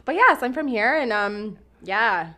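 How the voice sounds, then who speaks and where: A woman's voice: fairly high pitch, expressive, unhurried, sharp tone. A woman from Canada, a DJ guest on an interview show, talking in a chatty, upbeat way full of fillers. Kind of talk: casual interview chat.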